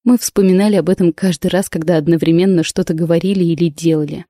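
Calm woman narrating, low and mellow. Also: no echo, studio quality. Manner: calm, measured storytelling. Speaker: audiobook narrator. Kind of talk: first-person audiobook narration.

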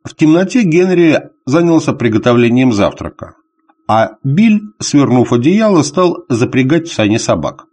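A man reading a novel aloud as narrator, measured and expressive. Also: medium pitch. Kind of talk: audiobook narration.

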